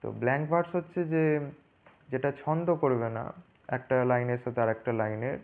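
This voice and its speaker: A man talks through a literature lesson off the cuff, filling gaps with "ah" and restarting phrases. His voice sits at an ordinary pitch. It comes through a narrow, phone-like channel that thins it out. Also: fairly even intonation, normal speed. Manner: unscripted, thinking aloud with frequent "ah" fillers and restarts. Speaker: literature tutor. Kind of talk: explaining a literary topic.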